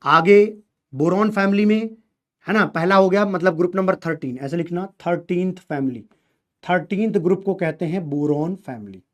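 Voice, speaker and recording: A man's voice: high-pitched, moderate pace. A male chemistry teacher lecturing a class, drilling students with call-and-response questions in a colloquial, teasing way.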